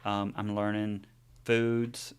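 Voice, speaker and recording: Smooth and lowish, with little rise or fall, the voice belongs to a man in his forties who co-hosts a podcast and talks slowly. He rambles through his personal experience in a relaxed chat, often restarting and using fillers.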